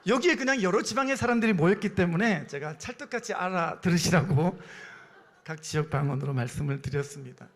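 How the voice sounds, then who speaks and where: A man's voice: sits high, a little hiss or hum. A man preaching a sermon as pastor in a church, emphatic and calling out to the congregation for responses. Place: church sanctuary.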